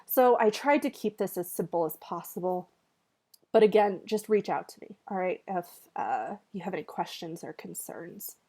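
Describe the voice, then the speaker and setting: A woman's voice: lowish voice, animated, moderate pace, mellow. A woman teaching a college writing class in a recorded video lecture, with a slightly nasal voice from allergies and a conversational way of talking, full of ums and check-ins with students.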